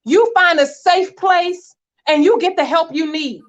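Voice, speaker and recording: High-voiced earnest woman coach. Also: a little slow, dull audio. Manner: earnest, encouraging, speaks directly to the listeners. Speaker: marriage coach guest. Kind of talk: heartfelt church talk show chat.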